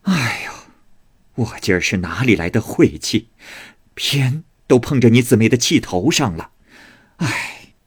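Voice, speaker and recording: A flustered married noblewoman, as a man reads her fusses and tries to smooth things over, her voice lifting with lively pitch. The tone stays husky in this storybook reading. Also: moderate pace, no echo, clean studio sound.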